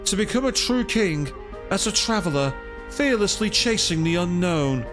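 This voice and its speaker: A distant, dreamy voice that speaks inside the hero's head, read out by a man. It sounds solemn and archaic, set a little higher than his usual talk. It comes with game music playing behind it. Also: expressive, normal speed. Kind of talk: reading game dialogue aloud.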